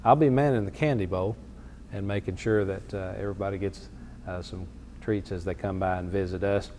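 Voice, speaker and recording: A man's voice: low-pitched, fairly even intonation, a little fast, dark tone. Man, casual talk, reverberant recording, faint noise. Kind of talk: casual chat.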